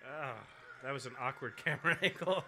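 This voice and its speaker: A man's voice: mid-range voice, brisk. A young man co-hosting a let's play, joking crudely and slipping into goofy voices, with game music behind. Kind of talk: casual gaming commentary.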